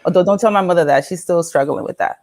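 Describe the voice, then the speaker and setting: Woman guest from the Dominican Republic, lower voice, candid, laughs a lot, lots of fillers. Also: fast talker, a little mellow. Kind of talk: casual interview talk.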